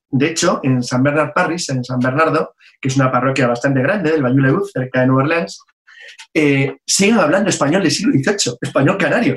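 A man, explaining history in a chat with brisk, detailed asides. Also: a little high. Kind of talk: casual radio chat.

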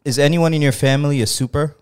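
A man's voice: a little high, quick pace, darkish tone, slight background noise. A man co-hosting a podcast, wry and questioning in casual banter. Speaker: podcast co-host.

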